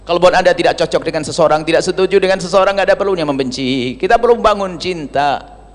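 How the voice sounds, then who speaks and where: A male preacher delivers a sermon in a rather high voice, lively and emphatic. He swings between loud, stressed phrases and hushed remarks. The recording has a long, hall-like reverb. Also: fast talker. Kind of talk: religious sermon.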